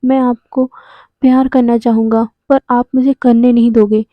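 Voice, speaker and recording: A lovesick young man speaks calmly and firmly, set on getting his way, as a woman reads him. The voice is high and close, with a dry, slightly dull sound. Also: normal speed, no echo, close to an everyday voice. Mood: determined.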